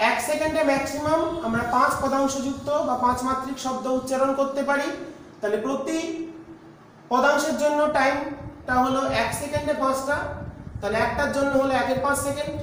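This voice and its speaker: A man with a very high, slightly bright voice teaches a physics class, working through the material step by step and posing questions that he answers himself. The lecture was recorded in a very echoey room with faint background noise.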